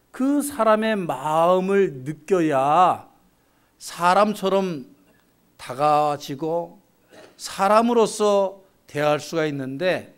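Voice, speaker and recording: Male pastor preaching; slow, clear delivery, high voice, rhetorical questions to the congregation. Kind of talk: sermon. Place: church sanctuary.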